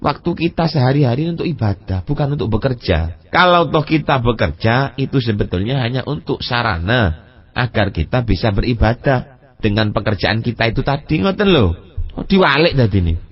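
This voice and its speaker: A man with an East Javanese accent preaching at a religious study session, lively, asking rhetorical questions and speaking straight to his listeners, now and then chanting Arabic text with a Javanese gloss. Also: medium pitch, normal speed, breathy edge, highs cut off. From East Java. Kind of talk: mosque study sermon mixing Indonesian and Javanese.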